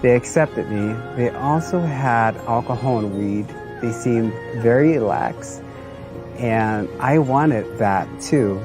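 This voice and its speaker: Speaking slowly in a medium-pitched voice, a man from Southeast Asia and the United States shares an earnest personal testimonial. Music plays behind him as he recounts his story in plain, short phrases.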